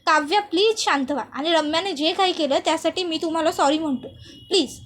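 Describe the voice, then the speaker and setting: A woman's voice: extremely high pitch, a little fast, a little hiss or hum. A woman voicing a stern young husband who scolds firmly and protectively. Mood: soothing. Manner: scolding, firm.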